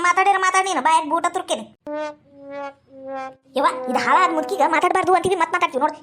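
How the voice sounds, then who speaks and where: A woman's voice: very high voice, fairly bright tone. A woman with a North Karnataka Kannada accent in a scripted village comedy sketch, scolding and bickering. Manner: scolding, quarrelsome banter. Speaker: village women comedy cast.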